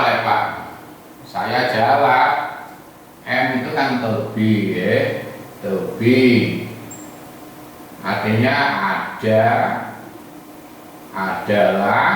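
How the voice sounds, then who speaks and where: A male teacher works through his examples one slow step at a time, tagging almost every phrase with a quick "ya". He is heard from some way off the mic, in a strongly echoing room with a faint hiss of background noise. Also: on the low side, a bit bright, far from the mic. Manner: slow, patient, repeats "ya" and each example. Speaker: English teacher. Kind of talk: classroom lesson explanation.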